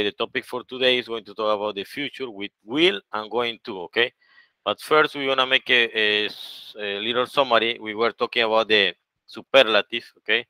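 A middle-aged man with a Panamanian Spanish accent gives a bilingual English lesson in a bright, crisp, fairly low voice. He speaks slowly in English and translates quickly into Spanish. The sound is dry and close, with no room around it. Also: no room sound, rough recording. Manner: switches between English and Spanish, many "okay?" and "¿verdad?" checks. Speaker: English teacher. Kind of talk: bilingual online grammar lesson.

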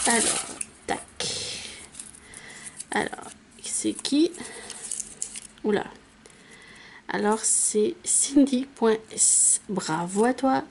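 A woman's voice: mid-range voice, darkish tone, slight background noise. A woman YouTuber casually announcing giveaway winners, hesitant and full of fillers. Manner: slow, hesitant, many fillers. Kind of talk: casual vlog chat.

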